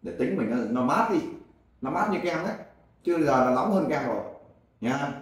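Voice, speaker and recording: Male interviewer, loud and scolding, slightly high voice, echoey room, mic at a distance. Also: animated, moderate pace. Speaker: volunteer group interviewer.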